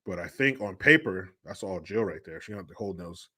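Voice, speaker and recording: A man's voice: low-pitched, expressive, a little fast, sharp tone, breathy edge. A man hosting a casual live stream, bantering loosely with viewers and swearing freely. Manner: laid-back, profane banter.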